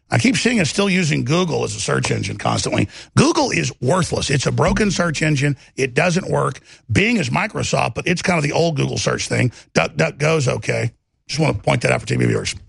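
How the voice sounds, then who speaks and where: Like a talk show host, a Texan with a gravelly twang delivers passionate political commentary, confident, aggressive and emphatic, full of lists and rhetorical questions. His voice is mid-range and fairly bright, with lively intonation and a moderate pace. The recording is dry and of studio quality.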